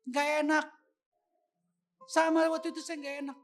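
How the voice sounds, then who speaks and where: A man preaching a sermon, telling a personal story with acted quotes and lively delivery. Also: very high-pitched, normal speed. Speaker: pastor.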